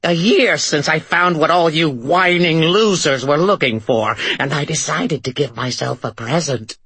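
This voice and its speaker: A man voicing a malevolent young woman speaking over a mall PA system, with a dry, rasping voice. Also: a little high, measured pace, sharp tone, pitched above the performer's own voice, exaggerated voice. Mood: menacing. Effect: echoing public address speakers.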